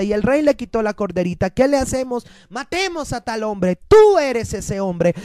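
A pastor preaching a fervent sermon, repeating phrases and rising into a sing-song lilt. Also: male voice, extremely high pitch, a little mellow, smooth, dry recording.

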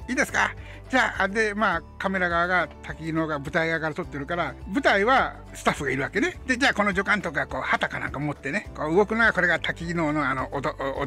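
Man, 70s, film actor, casual storytelling, animated, acts out sound effects, high voice, soft background music. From Japan. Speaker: film actor telling stories.

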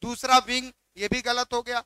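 Bright-voiced man teaching biology. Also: extremely high pitch, little pitch movement, moderate pace, clear, resonant tone, dry recording. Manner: coaxing, repeats questions to students. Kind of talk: exam question walkthrough.

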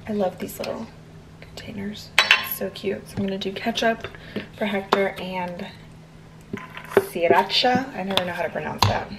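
A woman's voice: medium pitch, steady tone, normal speed, creaky, heavy background noise. A young woman vlogging in a casual, chatty way, with lots of loose filler words as she talks to the camera. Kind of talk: casual vlog chat.

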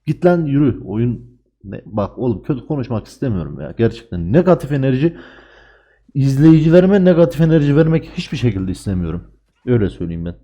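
Excitable man trash-talking his teammates during a game. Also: medium pitch, a little fast, dull audio. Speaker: gaming channel host. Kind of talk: live gameplay commentary.

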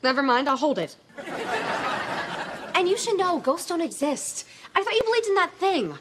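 A woman's voice: very high voice, big pitch swings, moderate pace, noisy background. A young American woman playing a dramatic, dim-witted teenage camp counselor in a sitcom, whiny and exaggerated. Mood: anxious, dim. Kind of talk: broad sitcom acting. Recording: music behind, edited TV sitcom clip.

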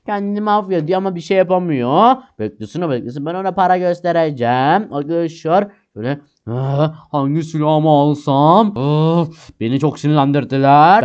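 A man hosting a game video, casually narrating and role-playing, talking excitably to viewers. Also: on the high side, fairly quick, smooth. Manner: excitable, exclaiming, addresses viewers. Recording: lo-fi dull sound.

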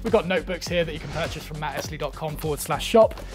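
A young man with a notably high speaking voice leads a tour of his own workshop. He reels off tools and shelves in quick, upbeat lists with plain enthusiasm. Faint music plays underneath him. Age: young adult. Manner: enthusiastic, brisk listing of items. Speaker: woodworking channel host. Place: indoor workshop, small and cluttered.

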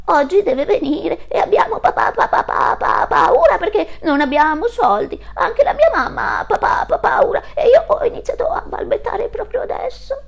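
A woman voicing a small, eager male goat kid in a storybook, with a squeaky, stammering voice. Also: creaky, heavily acted.

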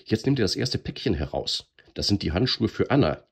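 A mischievous gnome father from a storybook, voiced by a man, teasing in a husky, hushed voice. His pitch leaps high when he is amused. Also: sing-song, fairly quick, heavily acted. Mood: teasing whisper. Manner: giggling, teasing, often whispering. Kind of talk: storybook reading.

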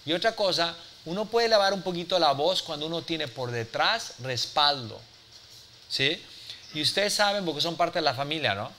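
Brief: forty-something male mentor, slightly high, sharp and forceful, blunt and profane with a crowd. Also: animated, moderate pace, slight background noise. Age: 40s. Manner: blunt, forceful, swears freely, peppers with "¿sí?". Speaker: business speaker and mentor. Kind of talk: live mentoring talk to an audience.

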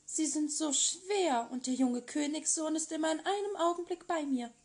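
A woman voicing a gentle young girl locked in a tower in a children's fairy tale, speaking softly and with wonder. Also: high voice, normal speed, pitched above the performer's own voice. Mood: innocent pleading.

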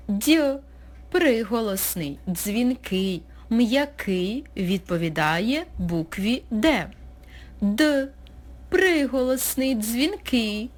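Woman teacher, slow dictating delivery, fairly high voice, very animated pitch. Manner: slow, clear, dictating pace. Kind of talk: recorded school lesson narration.

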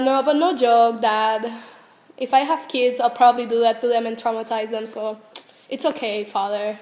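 A woman's voice: fairly high pitch, darkish tone. A young woman vlogging to camera, telling a story in a chatty, self-mocking way with lots of fillers. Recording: roomy echo.

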